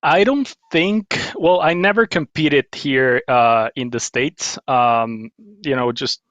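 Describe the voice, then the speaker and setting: A man's voice: medium pitch, slow, fairly bright tone, no room sound. A man talks casually as a guest over a slightly dull, lo-fi remote line. His voice sits mid-range, and the sound is dry and close. He rambles, restarts often, and laughs at himself. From Guatemala. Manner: rambling, with many restarts and self-deprecating laughs. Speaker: guest, paddle company owner. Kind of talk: casual interview chat.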